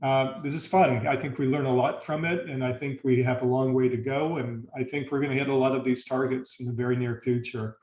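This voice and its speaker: A man's voice: medium pitch, fairly even intonation, fairly quick, hardly any pauses, darkish tone. Easygoing male host in a roomy room. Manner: easygoing, lots of uh fillers. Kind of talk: casual panel discussion. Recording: roomy video call audio.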